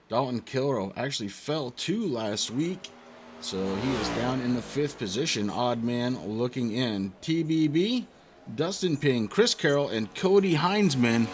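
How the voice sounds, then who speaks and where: A man hosting a live racing broadcast, calling the standings and the action in brisk play-by-play over a headset. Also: medium pitch. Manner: brisk play-by-play, running through standings and names. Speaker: lead race commentator.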